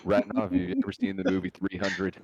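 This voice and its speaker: A man playing a tabletop game, bantering with jokes and swearing as he pitches plans. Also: sing-song, fast talker, vocal fry, muffled recording, a crowd in the background. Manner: joking, profane banter. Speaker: player. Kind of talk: casual chat while playing a tabletop game.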